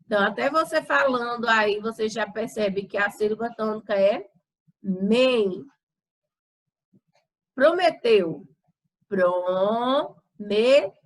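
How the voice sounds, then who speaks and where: A woman's voice: fairly high pitch, expressive, normal speed, rough recording. A woman teacher with a Brazilian accent going over homework answers, patiently stretching words out syllable by syllable. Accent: Brazilian Portuguese. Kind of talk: explaining homework corrections.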